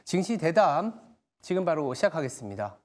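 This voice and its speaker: Guy hosting a tv stock show, kinda high voice, walks through the charts calmly with lots of little ums. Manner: measured, explanatory delivery with frequent fillers. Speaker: TV stock market show host. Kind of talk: broadcast market commentary and interview.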